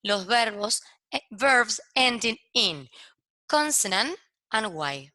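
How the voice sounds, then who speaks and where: Bright, dry-voiced woman teaching English. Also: on the high side, lively intonation, drawn-out words, dry recording. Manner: explains step by step, checks in with "¿ok?" after each point; switches between Spanish explanation and English examples. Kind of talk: recorded grammar lesson for kids.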